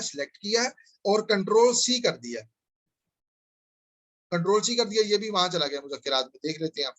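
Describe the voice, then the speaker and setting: High-voiced male instructor, patient and step-by-step. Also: fairly bright tone. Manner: patient, step-by-step, keeps checking understanding. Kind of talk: software tutorial lecture.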